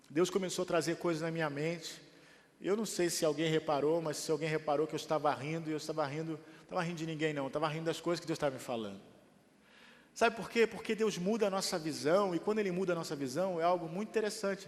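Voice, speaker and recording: A man with a Brazilian Portuguese accent preaching a sermon as pastor, building to emphatic, animated delivery. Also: on the high side, in a large hall. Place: church hall.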